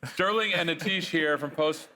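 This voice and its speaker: A chatty, joking man hosts a casual tech interview on a conference studio set. His voice sits a little high. A faint hum of noise runs behind him. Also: normal speed, pushed and bright. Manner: chatty, jokey, asks questions. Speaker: host.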